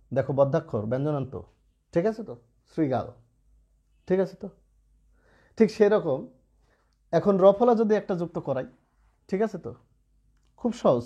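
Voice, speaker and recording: A man leads an online pronunciation lesson and keeps pausing to ask whether his students follow. His voice is mellow and warm and sits a little high. He speaks with lively, rising and falling intonation. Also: husky. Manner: patient, asks students rhetorical checks often. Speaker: Bengali pronunciation teacher.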